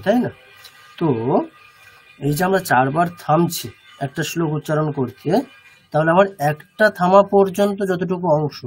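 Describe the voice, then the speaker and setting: A male teacher speaks over a video call in a somewhat high voice. He explains slowly and patiently, repeats his points, and keeps checking whether his students follow. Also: darkish tone. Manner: patient, repetitive, often checks understanding. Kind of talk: online class lecture.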